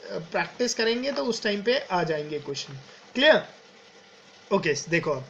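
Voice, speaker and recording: A man with an Indian accent teaching an English grammar lesson, explaining step by step and often asking "clear?". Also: sits high, a bit bright, rough recording. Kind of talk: exam-prep grammar lesson.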